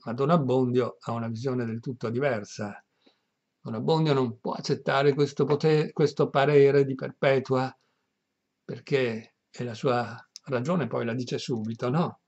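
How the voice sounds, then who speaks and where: A man reads a classic novel aloud and breaks off into casual, explanatory commentary. His voice is husky, at a middling pitch. The recording sounds dull and lo-fi. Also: fairly even intonation, measured pace, darkish tone. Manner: conversational, explanatory asides ending in "no?".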